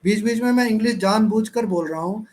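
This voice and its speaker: A man teaching English in an online class, speaking slowly and spelling out words letter by letter. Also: high voice, a little mellow. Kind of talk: online class lecture mixing Hindi and English.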